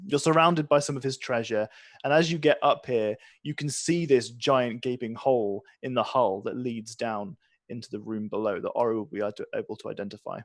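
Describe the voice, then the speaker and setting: A man's voice: medium pitch, a little fast, no room sound, studio quality. A man working as game master, narrating a tabletop game in a conversational, descriptive way as he improvises.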